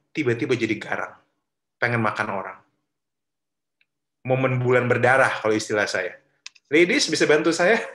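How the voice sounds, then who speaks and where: A youth pastor with an Indonesian accent delivers a relaxed sermon in an echoey church room, his mid-range voice fairly bright. He's chatty, often turns questions back on his listeners, and slips English phrases into his talk.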